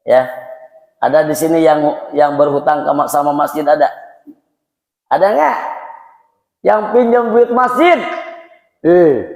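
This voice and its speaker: A middle-aged man from Indonesia preaching a dawn lecture in a mosque, telling stories with lively acted-out voices. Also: slow, creaky, pauses often. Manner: animated storytelling, acting out voices with big pitch swings. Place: mosque hall. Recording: echoey mosque hall.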